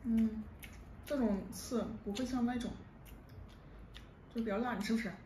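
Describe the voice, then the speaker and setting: A woman's voice: on the high side, fairly even intonation, normal speed, warm tone, roomy sound, distant mic. A woman in her thirties chats casually at the dinner table, chewing while she talks. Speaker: vlogger and mother chatting with her child. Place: home dining room, indoors. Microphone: camera across the table. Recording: faint background noise.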